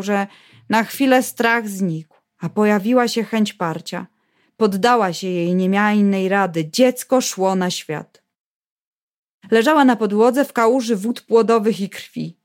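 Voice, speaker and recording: A woman reading a novel aloud in a steady, measured storytelling voice. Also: medium pitch. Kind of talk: audiobook narration.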